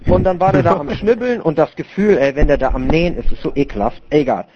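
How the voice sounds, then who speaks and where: A man's voice: fairly high pitch, quick pace, background noise. A young man casually telling a crude story to other gamers over voice chat, rambling with many fillers and restarts. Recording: muffled lo-fi voice chat.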